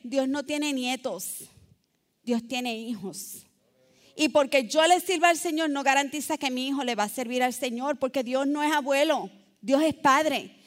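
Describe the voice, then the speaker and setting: A woman preaching a sermon, exhorting her listeners and swinging between loud calls and soft, low asides.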